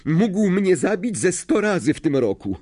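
A blunt, brave teenage boy wizard who shouts back defiantly, as a man voices him in an audiobook. The voice is lifted above the reader's own and loud, with a husky edge underneath. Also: high-pitched, sing-song, unhurried, dry recording, studio quality, voice pushed up, heavily acted.

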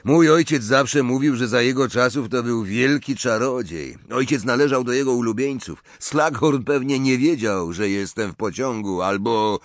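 A man's voice: mid-range voice, moderate pace, few pauses, dry recording, voice pushed up, lightly acted. A man voicing an arrogant, spoiled teenage boy in an audiobook, speaking with a scornful drawl.

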